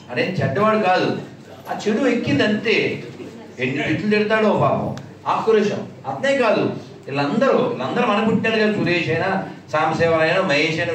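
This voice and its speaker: High-pitched male preacher, mocking and combative, sings verses, distant mic in a very echoey hall. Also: a bit bright, a little hiss or hum. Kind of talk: discourse to an audience with chanted verses.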